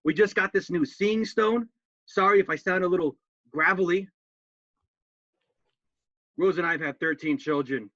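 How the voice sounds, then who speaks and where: A comedian playing a cheerful, earnest male hobbit gardener with a gravelly voice, chatting as if over a video call. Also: sits high, moderate pace, long pauses, a bit bright, no room sound. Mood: chatty. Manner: earnest, folksy, talking to a friend on a video call. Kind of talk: cosplay stand-up character bit. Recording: dull lo-fi dry sound.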